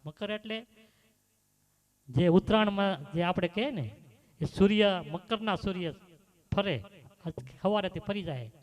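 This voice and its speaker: Lively man telling stories. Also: high voice, a little slow, long pauses. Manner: lively storytelling with rhetorical questions. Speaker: bhajan singer and storyteller. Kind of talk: devotional sermon with anecdote.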